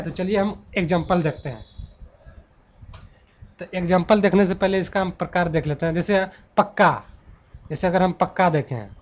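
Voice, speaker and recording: Male grammar teacher, high voice, slow drawn-out stress, asks and answers his own questions, dull recording. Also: darkish tone. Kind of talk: classroom-style lesson.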